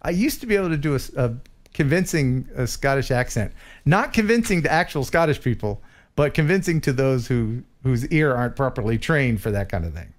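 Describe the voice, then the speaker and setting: Chatting about drone footage sent in by viewers, this male host speaks a little fast in a mid-range voice. He's lively and casual, with frequent laughter and joking asides.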